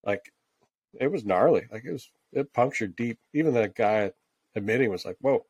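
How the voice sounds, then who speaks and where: A man's voice: on the low side, animated, normal speed, darkish tone, slightly rough, dry recording. A man co-hosting a casual podcast chat, laid-back and laughing often, swearing freely. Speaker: podcast co-host, tattoo artist.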